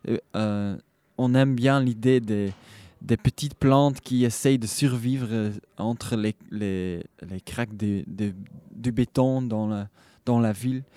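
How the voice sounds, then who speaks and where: Man, foreign Flemish accent in French, native Dutch speaker, relaxed dark tone, halting word searches, dry sound, interview guest. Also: medium pitch, clean tone, no room sound. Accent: foreign accent in French, Dutch-speaking Belgian. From Belgium. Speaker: musician guest, saxophonist and band leader. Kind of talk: conversational radio interview.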